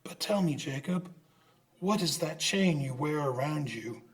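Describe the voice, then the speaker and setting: A man's voice: on the high side, animated. A man playing a crotchety, stubborn old miser who stammers and exclaims in an old-time radio drama. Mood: shaken, pleading. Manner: halting, exclamatory, stammering in fright.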